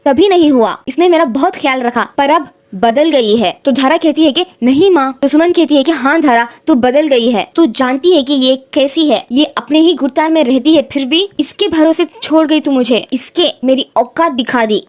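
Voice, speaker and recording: High-voiced woman retelling a TV episode. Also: a little mellow. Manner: recounts every line of dialogue in turn, lightly acting the quoted lines. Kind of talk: storytelling recap narration.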